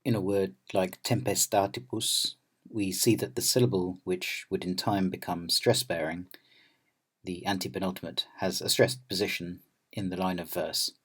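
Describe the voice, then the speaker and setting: A man narrating an academic lecture in a measured, explanatory way. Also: deep voice, fairly even intonation, breathy edge.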